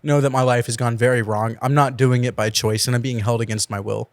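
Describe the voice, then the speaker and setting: A man's voice: mid-range voice, fairly even intonation, fairly quick, dry recording. Brief: male podcast co-host, wisecracking, close dry studio sound. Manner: joking, laughs often. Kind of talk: casual chat.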